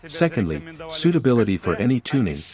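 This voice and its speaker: A Ukrainian car-show host talks fast in a sing-song, medium-pitched voice as he walks around the cars outdoors amid crowd noise. He guides the review, questions the owner and calls viewers "guys."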